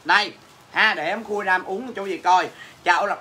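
A woman's voice: mid-range voice, fairly quick, sharp tone, slight background noise. A woman with a Southern Vietnamese accent hosts a casual livestream sale, teasing viewers with brash, crude jokes as she answers comments. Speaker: livestream host selling goods. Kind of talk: casual livestream sales chat.

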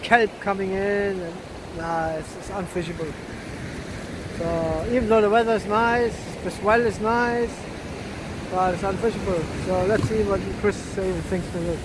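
Brief: 50s man, high voice, chatty fishing vlogger on camera outdoors, loud surf and wind noise. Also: fairly even intonation, moderate pace. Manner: chatty, laughs often, repeats words. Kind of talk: casual outdoor vlog commentary. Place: open sandy beach by the surf. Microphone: handheld camera close to face.

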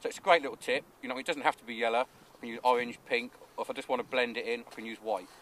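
A man in his thirties, an angling coach, explaining his rig and bait step by step in a relaxed, practical way, recorded outdoors by a lake. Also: medium pitch, very fast, a little hiss or hum. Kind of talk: instructional fishing talk. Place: outdoors at a lakeside fishery.

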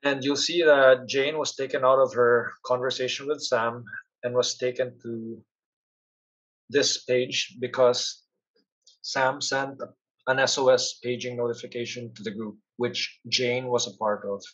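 In a slightly husky, mid-pitched voice with a steady tone, a man narrates a software demo step by step, speaking a little slowly. The screen-share narration is instructional and explanatory, and the recording sounds a little dull.

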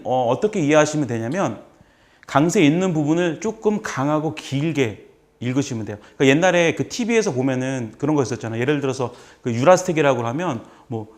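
A man's voice: mid-range voice, darkish tone. A man teaching a live class in a chatty, joking way, repeating phrases for the students to say back. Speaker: lecturer teaching basic Russian. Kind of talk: classroom lecture. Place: seminar room with a live audience.

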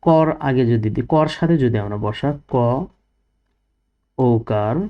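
Male teacher for small kids, unhurried and patient, lo-fi sound. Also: mid-range voice. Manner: patient, asks questions then answers them himself. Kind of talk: first-grade Bengali reading lesson.

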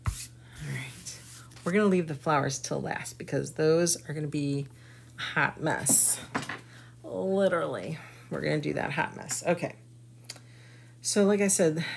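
A woman's voice: low-pitched, gravelly, noisy background. A woman giving a chatty, folksy live craft tutorial and talking to her viewers as she works. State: hiccuping. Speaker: craft demonstrator.

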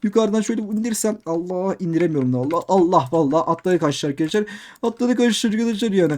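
A young man doing excitable game commentary, repeating himself and talking straight to his viewers. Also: high voice, fast. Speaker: gaming youtuber. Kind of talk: let's play commentary.

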